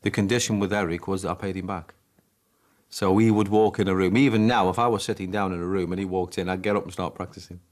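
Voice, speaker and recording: A man's voice: sits low, fairly even intonation, quick pace. A man in an interview, telling anecdotes and acting out remembered conversations. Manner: anecdotal, acts out quoted dialogue. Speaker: interviewee, former player. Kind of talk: storytelling interview.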